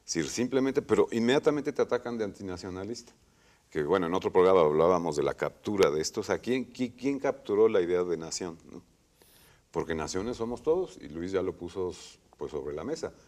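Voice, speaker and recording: Mexican male academic panelist, deep and animated. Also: a little fast. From Puebla, Mexico. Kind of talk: panel discussion.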